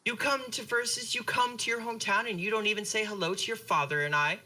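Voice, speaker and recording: A passive-aggressive, overbearing mother, put on by a game master, scolding and fussing over her grown son. Her voice has a bright, forceful edge. She sounds like a tabletop game character. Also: medium pitch, fast talker, voice pushed up. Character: nagging, overbearing middle-aged mother.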